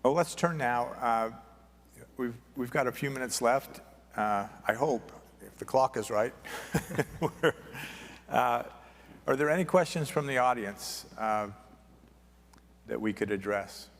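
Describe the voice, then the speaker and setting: A man moderating a conference panel, relaxed and often restarting his sentences. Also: mid-range voice, unhurried, long pauses. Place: conference hall. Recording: reverberant conference hall.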